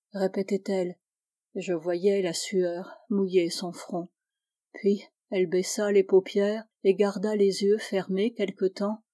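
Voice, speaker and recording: A woman narrating a literary audiobook in a measured, grave reading voice. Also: medium pitch, warm tone. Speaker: audiobook reader.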